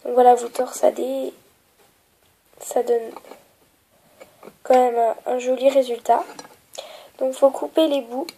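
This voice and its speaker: A young woman with a stuffy nose from a cold, explaining a craft tutorial at home with many fillers and soft, trailing phrases. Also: high voice, level tone, takes it slowly, gravelly, long pauses, low-quality recording. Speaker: polymer clay tutorial maker.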